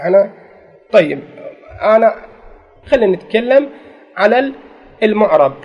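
Man, Iraqi accent, high voice, classroom grammar lecture, poses questions then answers, dull lo-fi recording. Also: sing-song, moderate pace. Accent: Iraqi Arabic. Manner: asks the class questions and answers them himself. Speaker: grammar teacher.

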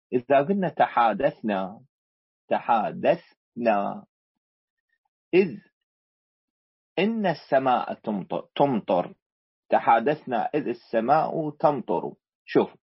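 Iraqi male teacher, husky and animated, drills students with repeated questions on dry lo-fi audio. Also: mid-range voice, no echo. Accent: Iraqi Arabic. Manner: questioning, repeats key words to the class. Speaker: grammar teacher. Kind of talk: classroom grammar lesson. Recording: dull lo-fi recording.

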